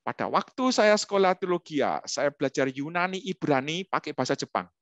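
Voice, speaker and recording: A middle-aged man giving a humorous, animated talk as a webinar guest speaker, speaking straight to his listeners. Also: a little high, a little fast, no echo. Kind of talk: lively storytelling talk.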